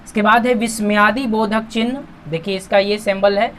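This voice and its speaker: Steady, a bit bright, and pitched high, this man's voice comes with a little hiss or hum in the recording. Leading a grammar lesson on on-screen examples, he patiently asks and answers his own questions and reads sample sentences slowly and emphatically.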